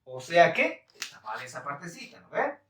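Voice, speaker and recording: A man's voice: a little high, huge pitch swings, moderate pace, a bit bright, reverberant, recorded from a distance, slight background noise. A man teaching a live-stream language lesson in a chatty, laughing way, reading viewer comments aloud. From Bolivia. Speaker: Quechua teacher.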